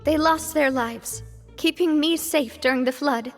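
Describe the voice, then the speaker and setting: An earnest young leader with a high voice, gentle and a little hesitant. Her lines carry a long reverb tail. Soft game music runs underneath. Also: measured pace. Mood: somber. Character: young woman leading a close-knit band, earnest. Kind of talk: video game voice acting.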